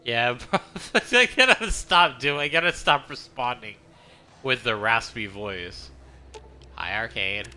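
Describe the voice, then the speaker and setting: A man streams a game and chats casually as he plays, rambling, often stopping and restarting his sentences. His mid-range voice is slow, lively in intonation, pushed and bright, and there's a little hiss or hum.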